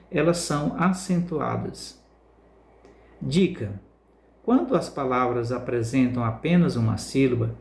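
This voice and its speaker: Brazilian teacher slowly spelling out stresses. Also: male voice, on the high side, vocal fry, a little mellow, reverberant. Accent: Brazilian Portuguese. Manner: slow, drawn-out word repetition for emphasis. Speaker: Portuguese language teacher. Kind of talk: recorded remote class lesson.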